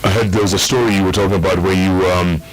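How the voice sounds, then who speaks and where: A man's voice: sits low, steady tone, quick pace, low-quality recording. A man, hosting a casual conversational interview. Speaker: interviewer, host.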